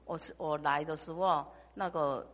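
An older woman from Taiwan, giving a halting church testimony full of restarts and repetitions. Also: low-pitched, steady tone. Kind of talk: personal testimony. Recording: long hall reverb.

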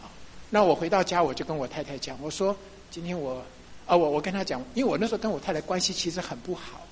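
A man's voice: fairly high pitch, expressive, fast. Middle-aged male pastor, chatty sermon testimony, lots of laughing and fillers, faint background noise.

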